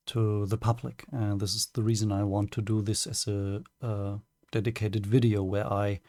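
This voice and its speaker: This streamer is a native German speaker with a matching accent, delivering a prepared personal statement haltingly, often pausing and starting over. His voice is lowish and slightly mellow. The sound is dry and clean, like a studio.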